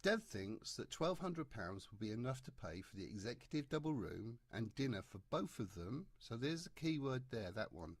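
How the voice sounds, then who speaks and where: A man's voice: medium pitch, big pitch swings, moderate pace, hardly any pauses, slightly rough, dry recording. Guy walking through a maths paper, jokey, plain voice, dry room. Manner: chatty, jokey, explains step by step. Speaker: maths tutor. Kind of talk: exam paper walkthrough lesson.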